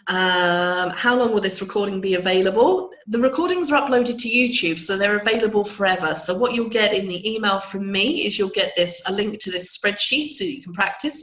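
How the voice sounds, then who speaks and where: Woman trainer, croaky and unwell, steady mid-range voice, step-by-step webinar teaching, roomy echo. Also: mid-range voice. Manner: explains step by step, reads out attendee questions. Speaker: Excel trainer. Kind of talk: live webinar tutorial with Q&A.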